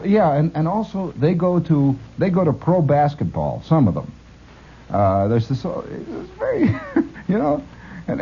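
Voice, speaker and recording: A man's voice: fairly high pitch, slightly rough. A man from Illinois, a radio host telling a rambling story with laughs and restarts. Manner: animated, laughing, full of restarts. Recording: dull lo-fi radio recording.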